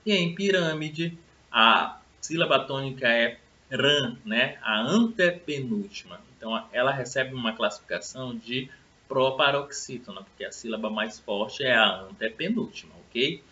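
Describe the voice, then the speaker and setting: A man's voice: medium pitch, animated, moderate pace, sharp tone. A man teaching a recorded grammar lesson to students, friendly and explanatory, often checking in with tag questions. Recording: roomy, slightly dull sound.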